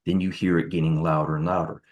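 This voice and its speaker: Very deep-voiced man testifying in court. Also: flat delivery, quick pace, darkish tone. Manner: careful, methodical step-by-step account. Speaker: witness on the stand.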